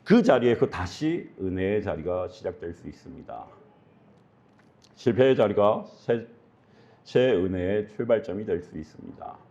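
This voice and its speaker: Man preaching a sermon, low mellow voice, swings up and down a lot, muffled recording. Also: expressive, unhurried. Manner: earnest, asks the congregation questions. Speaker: pastor.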